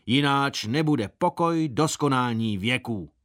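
A man's voice: medium pitch, lively intonation, fairly bright tone, no room sound, clean studio sound, natural voice. Man doing a pompous boy war chief. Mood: solemn rallying. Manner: solemn, pompous war speech. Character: excited boy gang leader rallying friends.

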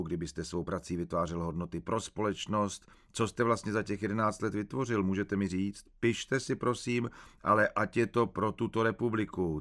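A man's voice: lowish voice, a bit bright, close to an everyday voice. A man voicing a stern state interrogator who badgers with rhetorical questions, in an audiobook reading.

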